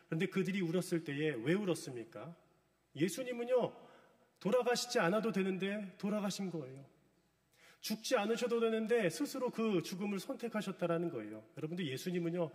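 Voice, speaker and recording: Middle-aged pastor preaching in a reverberant hall. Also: male voice, fairly high pitch, a little mellow. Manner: storytelling, retelling a drama with emotion. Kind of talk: sermon.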